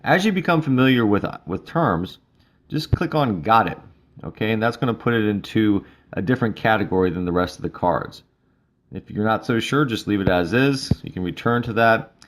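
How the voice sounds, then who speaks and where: Man, instructor, app tutorial, lowish pitch, relaxed with fillers. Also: normal speed. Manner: relaxed, filler-laden walkthrough. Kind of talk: screen-recorded app tutorial.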